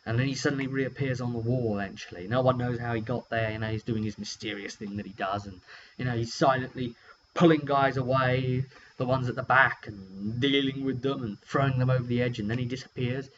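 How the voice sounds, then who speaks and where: The recording, dull and lo-fi with a hum, features a game master recapping a tabletop session. His medium-pitched voice is steady, fairly quick and fairly bright, and he rambles casually and wryly while acting out short quotes.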